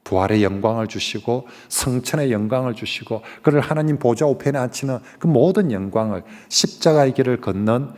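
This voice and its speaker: Animated pastor in a reverberant sanctuary. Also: male voice, medium pitch, brisk, hardly any pauses. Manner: animated storytelling, asks the congregation questions. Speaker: senior pastor. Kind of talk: Sunday sermon. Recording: long reverb of a church sanctuary.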